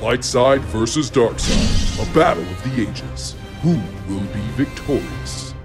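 A man playing a grand, solemn narrator in an epic film parody, dramatic and measured. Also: medium pitch, expressive, music in the background. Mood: portentous. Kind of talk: scripted trailer-style parody narration.

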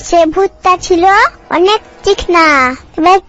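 In this cartoon clip, a bossy little girl speaks in a very high, flat-pitched voice at a slightly slow pace, confidently spinning absurd tall tales while scolding like a child. The comic dialogue sounds earnest and dramatic. The lo-fi audio is dull, with music playing underneath.

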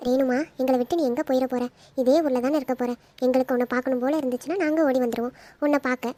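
A loving, reassuring middle-aged mother from a cartoon, voiced by a woman. She speaks high and fast, coaxing her daughter gently. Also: steady tone, dry recording, lightly acted. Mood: soothing. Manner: soothing, motherly.

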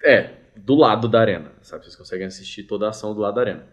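A man in his thirties with a Brazilian accent, casually narrating a tabletop game as game master in an animated, colloquial way. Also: lowish voice, very fast, lo-fi sound. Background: background music.

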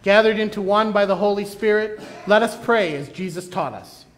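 A man leading a communion liturgy as pastor, reciting in a measured, solemn way, his voice carrying a cathedral echo. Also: high voice, soft background music. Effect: cathedral echo, long reverb. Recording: long reverberant sanctuary echo.

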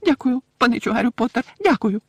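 Squeaky timid male house-elf, servile and jumpy, raspy high voice, dry close sound, audiobook. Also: animated, fast, dry recording, exaggerated voice. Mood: nervous proud. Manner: squeaky, servile, calls everyone young master.

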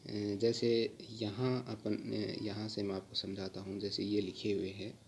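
Man, slow-paced grammar teacher, patient repetition, frequent fillers, faint background hiss. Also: on the low side, little pitch movement, creaky, a little mellow. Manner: patient, repeats words slowly with many fillers. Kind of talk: slow explanatory lesson.

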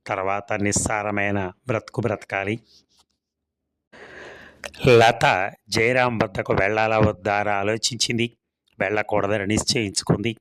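A man reading a storybook serial in steady, scripted narration. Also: fairly low pitch, smooth, no room sound.

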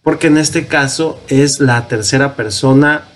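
A man with a Mexican Spanish accent teaching a Hebrew grammar lesson, explaining slowly and step by step and correcting himself as he goes. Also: medium pitch, slight background noise. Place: parish.

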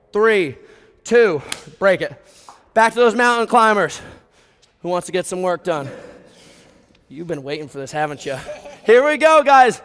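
A young American man with a high, clear voice leads a workout like a hyped gym bro. He fires out motivational cues and countdowns while working hard himself, his voice ringing through a big reverberant hall. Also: fairly bright tone. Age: 20s. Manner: exerting himself while talking. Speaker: fitness instructor leading a group workout. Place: large brick warehouse gym, indoors. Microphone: headset.

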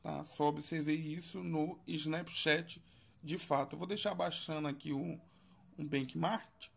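A man casually reviewing a smartphone for his vlog, talking in a chatty, halting way with frequent tag questions. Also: a little high, fairly even intonation, gravelly, slightly rough. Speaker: tech reviewer.

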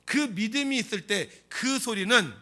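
Animated, bright-voiced male preacher. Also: very high-pitched, moderate pace. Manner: dramatic, full of rhetorical questions. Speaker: pastor. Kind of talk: sermon.

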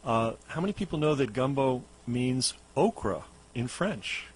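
A hoarse man who is losing his voice, a radio guest telling music history in a loose, explanatory way with many fillers. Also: medium pitch, expressive, measured pace, slight background noise, low-quality recording. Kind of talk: casual radio history talk. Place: radio studio.

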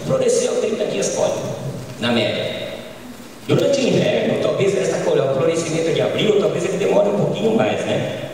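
A middle-aged Brazilian man giving an informal conference lecture on a handheld microphone, often ending points with quick tag questions. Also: high-pitched, big pitch swings, creaky, a little mellow, slight background noise. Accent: Brazilian Portuguese. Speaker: agronomist lecturer. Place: large conference hall. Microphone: handheld mic, filmed from far. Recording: echoey hall from far off.

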